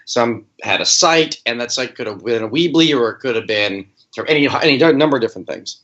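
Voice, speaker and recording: A man's voice: medium pitch, animated, brisk, a bit bright. A man co-hosting a teaching podcast, talking casually and restarting his sentences as he goes. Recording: dull lo-fi recording.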